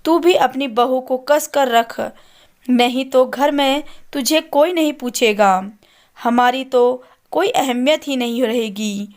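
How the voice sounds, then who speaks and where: A woman's voice: sits high, takes it slowly. A woman voicing a bossy, irritable middle-aged mother-in-law in a storybook, scolding and complaining. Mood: lecturing. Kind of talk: storybook character voice.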